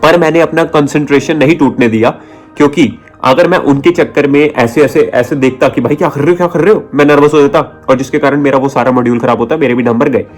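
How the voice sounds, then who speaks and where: A man's voice: mid-range voice, brisk, soft background music. A chatty young man telling stories and giving tips in a casual vlog, often acting out people and sounds. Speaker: vlogger giving exam tips.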